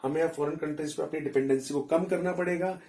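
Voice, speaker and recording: A man's voice: a little high, steady tone, quick pace, darkish tone. Indian man teaching in an echoey room. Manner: explains step by step, mixing in English terms, asks check-in questions. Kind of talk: explaining economics in a recorded lesson.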